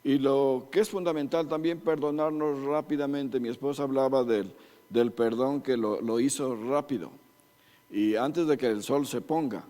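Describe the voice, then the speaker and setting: A man's voice: medium pitch, moderate pace, warm tone. A man in his sixties with an Ecuadorian Spanish accent, preaching to couples at church in a folksy, joking way and calling the listeners his beloved brothers. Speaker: church couples-ministry speaker. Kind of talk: preaching to a congregation. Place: church meeting room. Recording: reverberant church hall.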